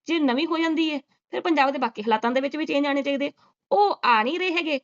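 A woman's voice: high-pitched, quick pace, highs cut off. A woman doing sarcastic reaction commentary, scolding and mocking with rhetorical questions. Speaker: reaction vlogger.

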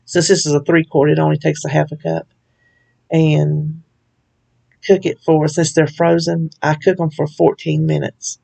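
A woman's voice: deep voice, level tone, unhurried, creaky, mellow, husky. A woman hosting a home cooking video, talking through a recipe in a chatty, folksy way with frequent laughs. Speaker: cooking channel host. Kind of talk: casual recipe walkthrough.

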